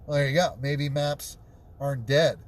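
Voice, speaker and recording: A man's voice: a little high, steady tone, moderate pace, slight background noise. Man chatting from behind the wheel. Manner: repeats words and restarts often. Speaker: call-in show host. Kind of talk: casual live-stream chat, reading viewer comments. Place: inside a car, driving.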